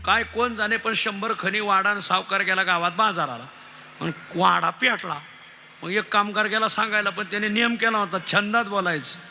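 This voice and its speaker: A man preaching a devotional kirtan sermon, telling lively humorous stories to the audience. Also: sits high, normal speed, slight background noise. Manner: lively storytelling, addresses audience as maharaj.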